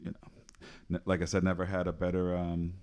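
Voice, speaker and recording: A man in his forties, raised in Trinidad, speaking with a very low voice as a guest in a relaxed interview. He chuckles a lot and fills his thoughts with ums and false starts. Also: fairly quick. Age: 40s. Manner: laughs often, many ums and restarts. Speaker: physician and AI researcher, guest. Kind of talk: casual interview talk.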